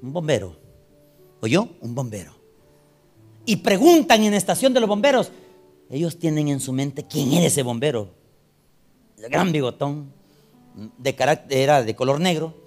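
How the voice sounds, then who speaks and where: Male preacher reading scripture, high voice that swings all over, faint music behind. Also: very animated, moderate pace, long pauses, a little mellow. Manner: addresses the congregation as brothers, asks rhetorical questions. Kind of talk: sermon with Bible reading.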